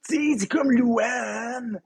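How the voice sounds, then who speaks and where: A man with a Québécois accent voicing a bumbling middle-aged cartoon dad, lecturing slowly in a husky, gravelly voice. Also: steady tone, exaggerated voice. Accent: Québécois French. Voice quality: gravelly, very husky, high and swooping. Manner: slow, rambling fatherly lecturing. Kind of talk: comedic impression.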